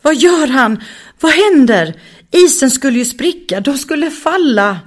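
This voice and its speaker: A frightened little girl from a children's story, her voice pitched high and tight with panic, as a woman reads her. The lines come out breathless and shaky. It is clearly a storybook reading rather than a full character performance. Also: flat delivery, natural voice. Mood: panicked.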